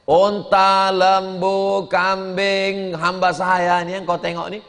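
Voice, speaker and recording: A male preacher giving a sermon, switching between chanted Arabic phrases and lively explanation. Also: high voice, slow pace. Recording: long hall reverb.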